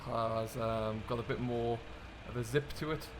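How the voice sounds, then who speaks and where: Playing a farming game on camera, a man talks his viewers through it in a relaxed, conversational running commentary. His voice is mid-range with fairly even intonation and an unhurried pace, over a noisy background.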